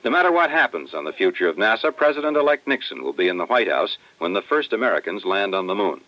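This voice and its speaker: A man delivering a scripted news report in a formal, measured newsreader manner, heard as a dense old radio broadcast. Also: lowish voice, sing-song, pushed and bright, lo-fi sound. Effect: dense old radio broadcast sound. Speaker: news correspondent.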